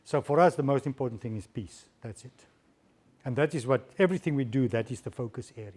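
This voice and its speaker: A man's voice: medium pitch, fast talker, a little mellow. A man, a diplomat answering audience questions at a guest lecture, often repeating words as he searches for phrasing. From South Africa.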